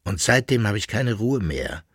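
A man's voice: fairly low pitch, lively intonation, slow pace, slightly rough, dry recording, clean studio sound, pitched above the performer's own voice, full character voice. A man voicing an anxious, gout-ridden older patron who speaks urgently and secretively. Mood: uneasy.

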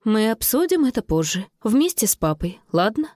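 A woman voicing a careful, worrying mother in a children's story, in a measured tone. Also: a little high, sing-song, a little mellow, no room sound, studio quality. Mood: firm. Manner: measured, mildly worried.

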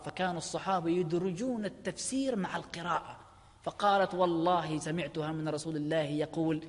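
A man's voice: very high voice, a bit bright. A man giving an academic lecture, addressing listeners directly and reciting examples as he teaches. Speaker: lecturer on Quranic readings. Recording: long hall reverb.

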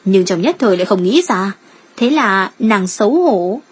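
A woman narrating a novel in a steady, even storytelling delivery. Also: medium pitch, moderate pace, breathy edge. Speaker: audiobook narrator. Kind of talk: novel reading.

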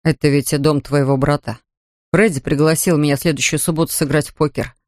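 A woman reading an audiobook, voicing a calm, reserved young man who talks in a low, plain way. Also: brisk, no room sound, clean studio sound, natural voice.

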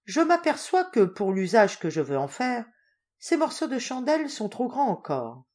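A woman's voice: fairly high pitch, sing-song, moderate pace, darkish tone, voice pushed up. A woman reading an audiobook, voicing a teasing male salesman who plays a prank with exaggerated, mock-polite courtesy.

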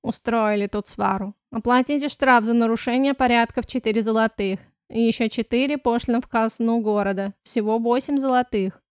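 A woman's voice: on the high side, moderate pace, few pauses, smooth, no echo, close to an everyday voice. A woman reader voicing a stout middle-aged male notary who speaks dryly and curtly in an audiobook. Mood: gruff. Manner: dry, curt, barking.

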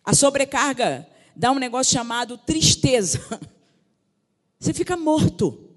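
A woman's voice: high-pitched, very animated, measured pace. A woman pastor preaching a sermon, fervent, calling out to the congregation. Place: large church sanctuary. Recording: reverberant church hall.

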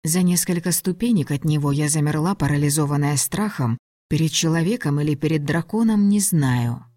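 Woman audiobook narrator, lower voice, measured, dry close recording. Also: mellow, no room sound. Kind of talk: first-person audiobook narration.

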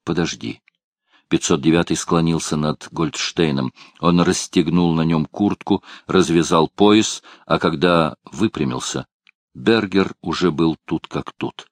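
Deep, slow-reading husky male narrator. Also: dry recording. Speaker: audiobook reader. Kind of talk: scripted narration.

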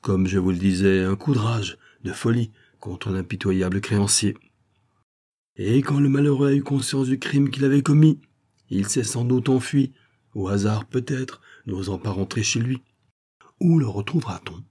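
A man's voice: fairly low pitch, moderate pace, warm tone, breathy edge. A man voicing a formal, composed magistrate who questions a witness and lays out his theory of the case. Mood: formal, grave. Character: measured, authoritative older male magistrate.

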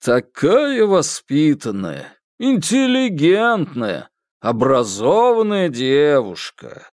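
A woman's voice: low-pitched, very animated, no echo, clean studio sound, pitched above the performer's own voice, full character voice. Woman doing a pompous, reproachful older man. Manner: reproachful, drawn-out.

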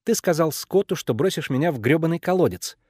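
A bossy, precocious eight-year-old girl pushes her questions, her voice swinging lively up and down, as a man puts her on. It is an audiobook read dry and close to the mic, with a teasing, insistent edge. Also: on the high side, husky, dry recording, voice pushed up. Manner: insistent, quick, conspiratorial questioning.

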